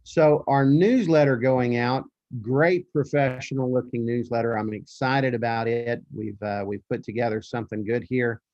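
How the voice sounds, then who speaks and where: A man leading his office team through a meeting over a group video call, talking in a halting way with many fillers and restarts. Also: mid-range voice, steady tone, darkish tone, no echo. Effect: heard over a group video call. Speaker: real estate office leader running a team meeting. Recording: muffled, dry video-call audio.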